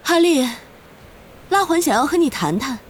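A woman's voice: sits high, animated, normal speed, slight background noise. A woman voicing an elegant young witch who calls out and passes on a message. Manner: calling out, delivering a message.

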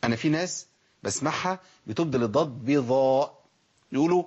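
A man with an Egyptian Arabic accent teaching Quran pronunciation in a lively lesson, stretching out example words slowly as he demonstrates them. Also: mid-range voice, slightly rough, muffled recording.

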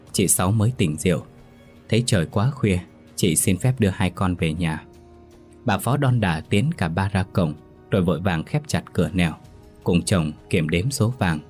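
Deep-voiced man narrating a ghost story. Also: darkish tone, breathy edge.

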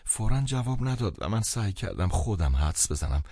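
A man narrating a novel in the first person, measured and expressive. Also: fairly low pitch, slightly rough, no room sound, studio quality. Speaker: audiobook narrator.

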